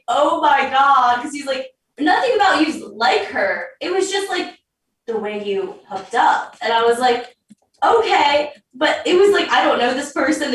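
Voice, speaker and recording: A young woman appearing as a podcast guest tells a story in a chatty way, packing it with "like" fillers. Her voice is a little high and a bit bright, picked up by a distant mic in a roomy space.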